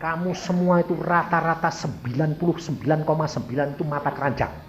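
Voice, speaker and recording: A male preacher with a Javanese accent, telling a story in a sermon and acting out the dialogue, jumping from loud, high outbursts to quiet, low asides. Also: a little fast, muffled recording, very noisy. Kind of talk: sermon with acted-out anecdote.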